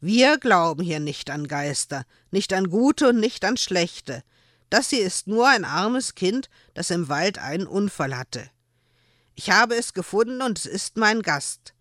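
A woman's voice: medium pitch, very animated, a little slow, fairly bright tone, no echo, studio quality, voice pushed up. A woman voicing an earnest young man who speaks firmly and reasonably.

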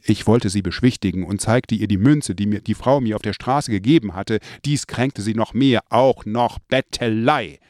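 A man reading his own memoir aloud, telling a childhood story in a lively way and lifting his voice for the remembered lines. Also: fairly low pitch, normal speed, hardly any pauses, dry recording, studio quality. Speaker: narrator.

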